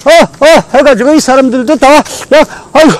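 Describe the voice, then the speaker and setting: A male pastor delivers a storytelling sermon in an unusually high voice. He repeats phrases over and over and acts out the feelings of his story in the first person. The recording is dry, with almost no room sound. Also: normal speed, no room sound, poor audio. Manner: animated, repetitive, acting out feelings in first person.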